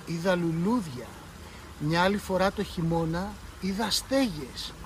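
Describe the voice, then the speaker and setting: A man voicing a quiet, dreamy boy. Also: slight background noise, rough recording. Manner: slow, hushed, low-voiced. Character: quiet dreamy young boy, gentle, soft-spoken.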